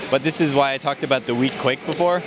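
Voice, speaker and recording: A fast-talking game developer with a mid-range voice gives a casual walkthrough of a game character's moves amid the noise of a convention floor. He explains in a laid-back way, leaning on many fillers.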